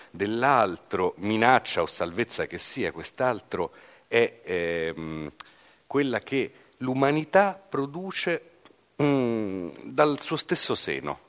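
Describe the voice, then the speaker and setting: Man, literary commentary, very slow, hesitant, long reverb. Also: mid-range voice, lively intonation, fairly bright tone. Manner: thoughtful, with many hesitations.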